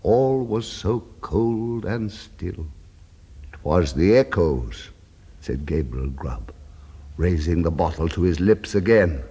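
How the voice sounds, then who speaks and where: A man's voice: low voice, lively intonation, takes it slowly, mellow, slightly rough. A man narrating a scripted story in a dramatic, suspenseful, theatrical way. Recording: long reverberant echo.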